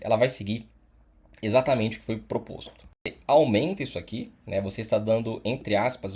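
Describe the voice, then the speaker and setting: A man's voice: on the low side, darkish tone, slightly rough. A man teaching an online course in a casual, explanatory way, often tagging sentences with "tá?" and "né?". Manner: casual, explanatory, frequent "tá?" and "né?" tags. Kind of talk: screen-recorded tutorial.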